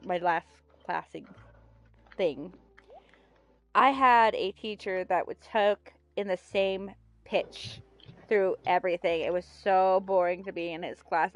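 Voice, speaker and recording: A middle-aged woman hosting a game stream, chatting casually and telling stories with playful emphasis. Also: medium pitch. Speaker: gaming host.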